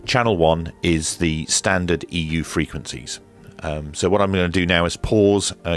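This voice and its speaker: In a deep voice, a man walks through a casual, hands-on demo of radio equipment, explaining each step methodically and a little hesitantly.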